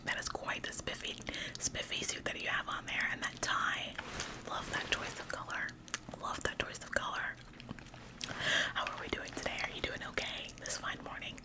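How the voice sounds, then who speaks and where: Whispering through an ASMR roleplay, a woman takes on the part of a fawning, eager office employee who acts like she runs the place, all chirpy fussiness and polite bossiness. She talks at a normal speed in a voice close to her everyday one.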